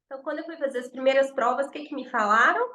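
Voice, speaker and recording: A woman's voice: sits high, rapid-fire, pushed and bright, poor audio. A woman from Minas Gerais with a mineiro Brazilian accent, giving chatty, reassuring exam advice and acting out what people say. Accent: Mineiro Brazilian Portuguese. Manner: chatty, reassuring, acts out quoted remarks. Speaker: exam prep teacher. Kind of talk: informal teaching talk to camera.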